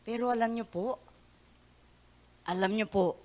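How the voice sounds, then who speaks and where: A woman pastor giving a Sunday sermon, mixing Tagalog with English, swinging from loud emphatic peaks to soft near-whispers and stretching words out for emphasis. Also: fairly high pitch, measured pace. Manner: mixes Tagalog with English phrases.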